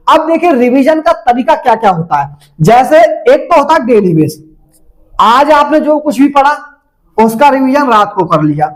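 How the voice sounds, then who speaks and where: In a low-quality recording, a man with an extremely high-pitched voice gives casual exam-prep advice. He speaks straight to viewers in an instructive way and repeats every step.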